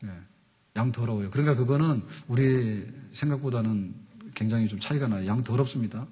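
A man's voice: medium pitch, brisk, mellow, slightly rough. A man in his fifties, a pastor preaching a conversational sermon at a pulpit microphone, often asking the congregation questions. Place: church sanctuary pulpit. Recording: reverberant church hall.

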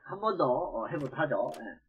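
A woman playing a video game and commenting as she goes, talking to viewers and exclaiming loudly when startled. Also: a bass voice, sing-song, moderate pace, slightly rough, dull audio. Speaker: game streamer. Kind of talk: let's play commentary.

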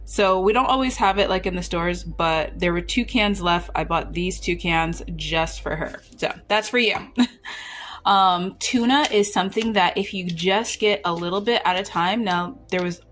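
A homestead vlogger in her thirties chats casually to camera about stocking her pantry, gesturing as she explains and laughing between points. Her voice is fairly low and a bit bright at a moderate pace, recorded in a room at home and later at a grocery store and a kitchen counter.

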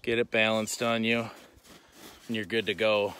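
A man's voice: lowish voice, flat delivery, normal speed, a bit bright, slight background noise. A man vlogging casually outdoors in snowy woods, rambling in an easygoing way while hauling hunting gear and cooking on an action camera. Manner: easygoing, rambling, talks to his dog. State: out of breath.

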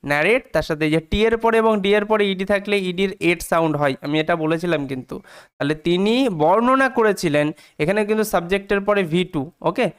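A man's voice: sits high, normal speed, clean tone. A man, teaching English by explaining a story sentence by sentence, spelling words letter by letter and checking in with the students often.

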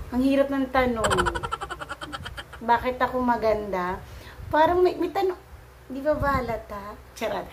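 A woman's voice: on the high side, fairly bright tone, a little hiss or hum. A woman from the Philippines answering viewer questions in a playful, teasing way, laughing often. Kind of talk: casual Q&A vlog.

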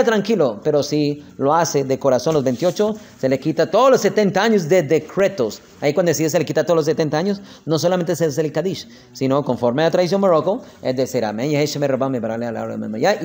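A man with a Colombian Spanish accent leads a lesson on prayer customs. His voice sits somewhat high, and he slows down to spell out each prayer word before moving on. He keeps checking with his listeners, asking whether they are with him. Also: a little mellow. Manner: explanatory, checks in often with "¿ok?" and "¿listo?". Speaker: rabbi teaching prayer customs.

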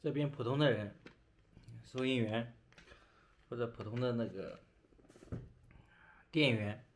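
Eating and talking at once, a young Chinese vlogger chats casually in a small indoor bedroom, chewing between phrases with his mouth full. He has a mid-range voice and speaks slowly, and there's a little hiss or hum in the audio.

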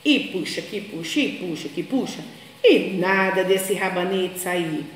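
A woman's voice: lowish voice, expressive, measured pace, slight background noise. Woman, Brazilian Portuguese accent, children's storyteller, sing-song, very echoey room with long reverb. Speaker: teacher reading to children.

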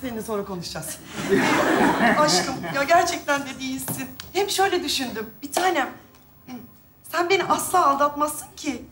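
A woman's voice: high-pitched, lively intonation, normal speed. An actress playing a playful wife who teases her husband in a live stage sketch. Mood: teasing. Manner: playful, teasing. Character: teasing wife bragging about her boyfriend. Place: theater stage with live audience. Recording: echoey stage with faint noise.

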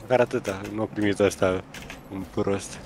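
A man with a lowish voice talks through a tournament match with his friends. He is excitable, cheering loudly and groaning at each play, with a little faint noise under him. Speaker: gamer playing in a tournament. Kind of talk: casual gaming banter.

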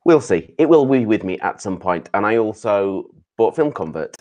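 A man's voice: lowish voice, sing-song, moderate pace, darkish tone. A man from the English Lake District with an English accent, co-hosting a casual livestream chat. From Lake District, England. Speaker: co-host.

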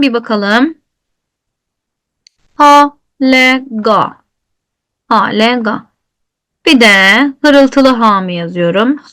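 A woman teaching Quran recitation in an online lesson, explaining patiently, asking and answering her own questions, and slowing down to demonstrate letter sounds. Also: high-pitched, a bit bright.

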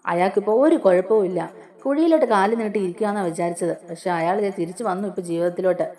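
A woman plays a young wife who complains and sneers in a fast, mellow voice. She is plaintive one moment and scheming the next. The delivery is a brisk spoken recap. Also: mid-range voice, natural voice. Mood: spiteful. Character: young wife, tearful yet scheming and spiteful.

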